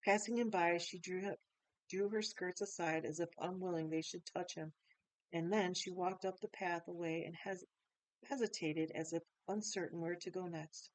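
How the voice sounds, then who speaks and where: A woman's voice: lowish voice, fairly even intonation, normal speed, no echo, rough recording. Dry-voiced woman reading a storybook. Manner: warm, chatty asides to listeners. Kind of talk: reading a children's book aloud.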